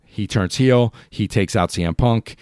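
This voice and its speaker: A man's voice: fairly low pitch, a little slow, a little mellow, clear, resonant tone, dry recording, studio quality. Exasperated man ranting on a podcast. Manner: heated, exasperated, pleading. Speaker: podcast host. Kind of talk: fan podcast rant.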